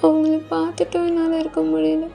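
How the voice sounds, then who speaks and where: A woman voicing a heartbroken young man who pleads through tears in slow, drawn-out words. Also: very high voice, monotone, gravelly, dark tone, soft background music, pitched above the performer's own voice, exaggerated voice. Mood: tearful pleading.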